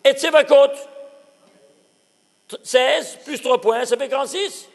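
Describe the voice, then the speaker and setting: A man's voice: very high voice, slow, creaky, in a large hall. A man, a rabbi, giving a recorded lesson in an emphatic way, firing rhetorical questions at his listeners. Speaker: rabbi teaching a class.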